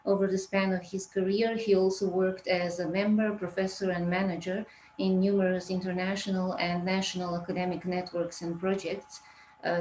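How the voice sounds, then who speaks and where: A woman's voice: on the low side, a little mellow, echoey room, a little hiss or hum, rough recording. A woman moderating an event, formally introducing the next speaker as if reading from notes.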